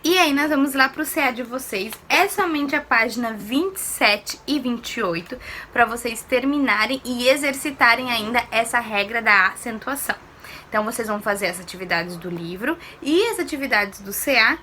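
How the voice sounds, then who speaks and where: A woman's voice: a little high, moderate pace, sharp tone, slight background noise. A woman teacher giving a recorded lesson to primary pupils, explaining patiently step by step and asking them questions.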